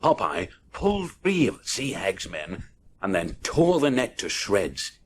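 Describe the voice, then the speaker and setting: A man narrates a children's adventure story dramatically, hitting the action words hard and leaning into theatrical sound-effect words. His low voice swings widely in pitch at a slightly slow pace. There's a little hiss or hum.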